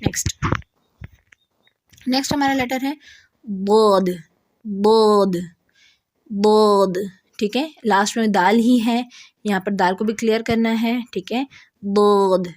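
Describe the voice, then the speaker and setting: A woman with a Pakistani Urdu accent gives a Quran reading lesson. Her voice sits a little high, and she patiently repeats each letter several times. The sound is dry and close, with no room echo. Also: fairly even intonation, pauses often, darkish tone. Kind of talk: recorded lesson.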